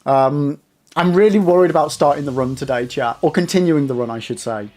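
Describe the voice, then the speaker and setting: A man's voice: fairly high pitch, brisk, a little mellow. A young man streaming live, rambling casually and talking straight to his chat. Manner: chatty, rambling, addresses chat directly.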